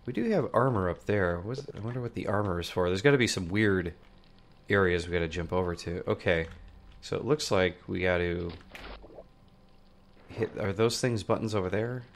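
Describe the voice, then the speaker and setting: Here a congested man in his thirties, nose stuffed up from a cold, narrates his own gameplay as a let's play host at an ordinary pace. He greets viewers brightly, then muses under his breath while playing. The big studio mic on a boom arm in his plush-filled room at home picks up a little hiss or hum.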